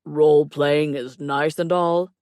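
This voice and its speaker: A woman's voice: sits low, steady tone, a little mellow, dry recording, studio quality. Woman voicing a whiny, theatrical young man. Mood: teasing.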